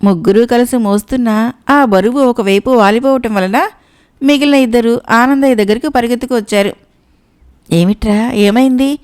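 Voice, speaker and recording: A woman narrating a folk tale audiobook, acting out each character in a lively way. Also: fairly high pitch, fairly quick, smooth. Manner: lively, acts out every character. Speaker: storyteller.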